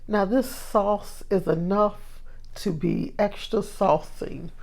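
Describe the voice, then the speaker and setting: A woman's voice: medium pitch, takes it slowly, vocal fry, a little mellow. A woman chatting in a homey, casual way while demonstrating a recipe in her kitchen, with frequent fillers. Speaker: cooking vlogger.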